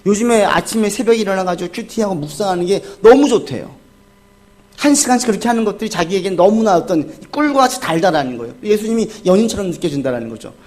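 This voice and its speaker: Male pastor, sermon, fairly high voice, rhetorical questions, soft low asides, loud acted-out cries. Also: lively intonation, fast talker. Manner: asks the congregation questions and answers them himself.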